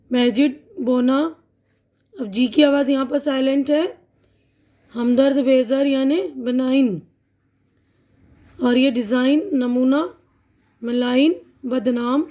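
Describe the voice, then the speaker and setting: A woman with a high voice teaches an English lesson, reading words aloud and explaining each one. She goes slowly, repeats words as drills and often pauses to check that her listeners follow. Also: dark tone. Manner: checks in with "theek hai na". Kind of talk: online spoken-English lesson.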